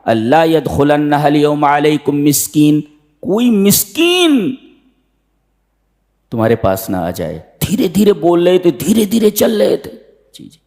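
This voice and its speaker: A man preaching a sermon, reciting Arabic verses and explaining them with dramatic swings in pitch. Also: big pitch swings, measured pace, gravelly, darkish tone. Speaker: preacher giving Quran commentary. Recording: long hall reverb.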